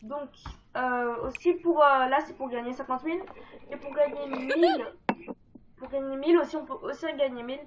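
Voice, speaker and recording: A woman's voice: high voice, normal speed. A woman explaining game cheat codes in a casual, rambling let's-play, full of fillers and self-deprecating asides. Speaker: gaming video creator. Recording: dull lo-fi mic with faint noise.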